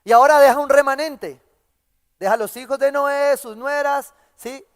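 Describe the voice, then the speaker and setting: A man with a Colombian accent preaching a sermon as pastor, who asks "¿sí?" after nearly every phrase and slows down to stress key words. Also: very high-pitched, fairly even intonation. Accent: Colombian Spanish. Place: church hall. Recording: church hall reverb.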